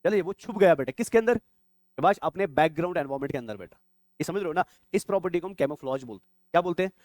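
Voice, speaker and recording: Man, biology exam-prep lecture, high quick voice, quizzing students, dry close sound. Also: expressive, darkish tone, no room sound. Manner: quizzing students with rapid questions, calling them "beta". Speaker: biology teacher.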